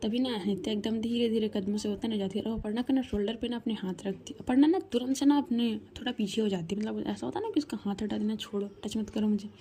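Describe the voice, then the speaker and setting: A woman narrating a story in a chatty, casual way, talking straight to the listener. Her voice sits a little high and mellow. A faint hiss runs under the recording. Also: quick pace, hardly any pauses. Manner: chatty, addresses listener as 'bhai'.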